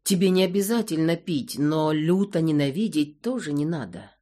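A woman narrating an audiobook in an expressive storytelling manner. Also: low voice, normal speed.

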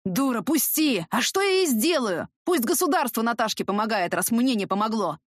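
A woman voicing a coarse, hoarse, drunken mother who swears shrilly. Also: fairly high pitch, very animated, normal speed, no echo, clean studio sound. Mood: defiant. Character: harsh drunken neglectful mother, coarse and whining.

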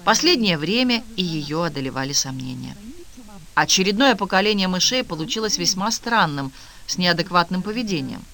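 A man reading a novel aloud in an even, measured narration. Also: high voice, creaky. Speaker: audiobook narrator. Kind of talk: scripted narration.

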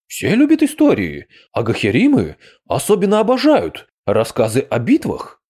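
A theatrical male storyteller, as a man voices him, teasing and exclaiming with relish. His pitch swings widely from phrase to phrase. The tone is mellow and soft-edged. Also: wildly swooping pitch, normal speed, breathy edge, full character voice.

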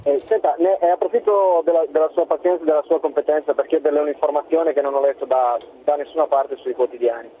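A man's voice: on the high side, steady tone, fast, few pauses. A man from Turin calling in to a radio show over a phone line, asking a question in a polite, formal way. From Turin, Italy. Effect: phone-line call into a radio show. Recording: tinny phone line with faint noise.

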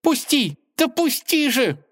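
A man voicing an old witch turned into a mouse, shrill and hissing in a storybook reading. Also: sing-song, takes it slowly, fairly bright tone, exaggerated voice.

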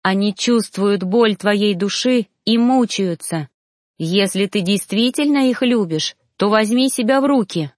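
A woman voicing a calm, kind young female reaper who speaks gently and reassuringly. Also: mid-range voice, unhurried, no echo, studio quality, lightly acted. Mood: gentle, firm.

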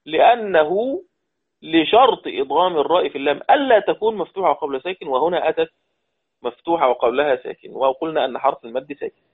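A male teacher leads a Quran recitation lesson, his voice sitting a little high. He rattles through the rules, then slows down to recite each example and says it again. The sound is narrow and tinny, like a phone line. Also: expressive, breathy edge. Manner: explains rules quickly, then recites verses slowly and repeats them.

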